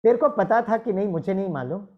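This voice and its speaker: A man voicing an aged male warrior patriarch who speaks to a young warrior with slow, solemn affection. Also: sits high, animated. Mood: tender, solemn. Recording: dull lo-fi recording.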